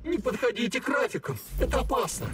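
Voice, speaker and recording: A man's voice: extremely high pitch, very animated, fast talker, distant mic, music in the background. An actor playing an anxious, wounded robot repairman in hiding, urgently warning others in a video game. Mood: fearful warning.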